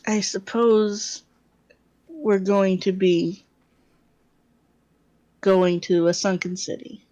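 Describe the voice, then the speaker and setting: A woman's voice: mid-range voice, steady tone, drawn-out words, warm tone, dry recording, muffled recording. A woman playing a tabletop role-playing game, chatting casually with a dry, sardonic manner.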